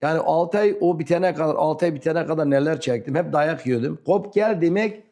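Guy w southeastern turkish accent, broken turkish, halting storyteller, slightly high mellow voice. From rural southeastern Turkey. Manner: broken, non-fluent Turkish. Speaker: interview guest. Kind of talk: animated personal storytelling.

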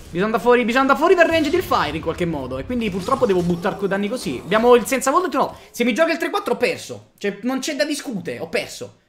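A young man in his twenties with an emphatic, excitable delivery, swearing as he comments live on a game with friends. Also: very high voice, fast. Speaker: streamer playing a card game. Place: indoor room.

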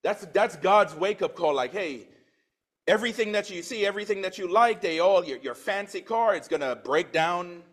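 A man's voice: high-pitched, expressive, normal speed. A man in his forties from Trinidad, preaching a sermon in church, reading scripture with swelling emphasis and dropping into plain conversational asides. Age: 40s.

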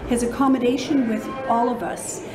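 A woman's voice: on the high side, fairly even intonation, normal speed, music in the background. An older woman giving an informal spoken testimonial. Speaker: event organizer giving testimonial. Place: indoors at event venue, against wall. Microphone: phone or camera a short distance away. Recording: echoey room with crowd chatter.

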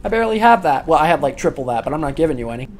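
A woman hosting a let's play, cursing and yelling in exasperation at the game's characters. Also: deep voice, big pitch swings, rapid-fire. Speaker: gaming video host.

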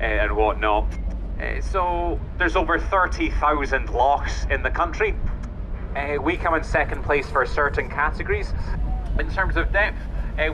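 A man with an Inverness Highland Scottish accent that drops middle Ts, giving wry live tour commentary like a joking storyteller. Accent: Inverness Highland Scottish, dropped middle Ts. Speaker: tour boat guide. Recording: noisy, dull outdoor boat recording.

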